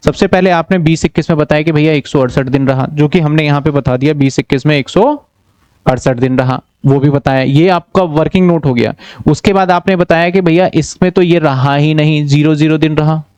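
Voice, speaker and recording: A man's voice: fairly high pitch, steady tone, fairly quick, darkish tone, clean tone, no room sound. Male tutor with a dry, close voice. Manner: explains step by step, checks with students often. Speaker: commerce tutor. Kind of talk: online class lecture.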